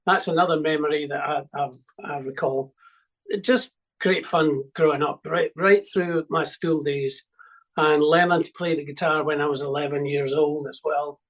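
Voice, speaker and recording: An older man from Scotland with a Scottish accent, a musician recalling his childhood in an interview with many pauses and restarts. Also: fairly high pitch, fairly even intonation, low-quality recording. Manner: hesitant, full of ums and restarts. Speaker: musician guest. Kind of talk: reminiscing interview.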